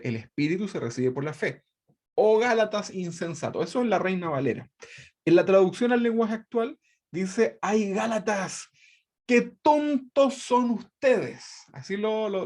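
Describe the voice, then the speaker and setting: A man's voice: on the high side, a little mellow. A man teaching a church Bible class in a conversational way, tagging nearly every phrase with a question and acting out quotes with emphasis. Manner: conversational, constantly adds tag questions; acts out quoted speech with dramatic emphasis.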